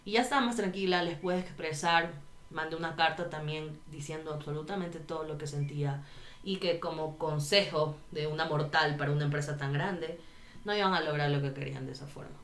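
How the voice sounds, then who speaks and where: A woman from Ecuador, a podcast guest, chatting casually and telling a lively story while acting out the voices she quotes. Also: sits low, fairly quick. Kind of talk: casual chat. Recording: roomy echo.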